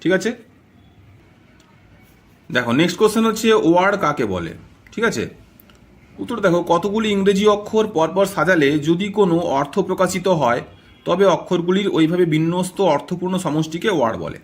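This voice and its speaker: A man's voice: sits high, animated, normal speed, pauses often. A man teaching English grammar in a video lesson, often checking in with viewers and spelling words letter by letter. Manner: repeats "ঠিক আছে" and addresses viewers as friends.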